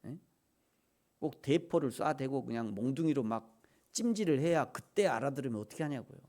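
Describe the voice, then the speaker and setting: A man preaching a sermon as pastor, swinging from loud shouts to hushed, soft speech. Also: medium pitch, animated, brisk. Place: church sanctuary.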